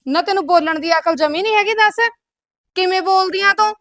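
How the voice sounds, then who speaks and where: A woman's voice: very high voice, brisk, a bit bright, no echo, clean studio sound. A woman playing a bossy elder sister-in-law who nags and scolds in a comedy skit. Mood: scolding. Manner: scolding, keeps tagging lines with a curt "tell me".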